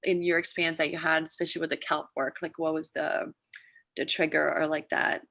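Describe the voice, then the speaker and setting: A woman's voice: low-pitched, level tone, a little fast, vocal fry, sharp tone. A woman on a video call asking a question in an online Q&A, searching for words with many restarts. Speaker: audience member asking a question.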